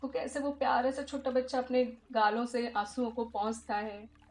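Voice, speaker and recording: A woman teacher guiding an inner-child healing meditation in a soft, emotive way that often drops to a hush. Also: a little high, flat delivery, normal speed. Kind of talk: guided meditation.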